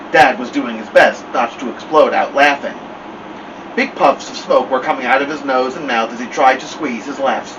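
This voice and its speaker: A man hosting a story time, reading a novel aloud in an animated way. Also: mid-range voice, dull audio. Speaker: storytime host. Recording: distant mic, air-conditioner hum.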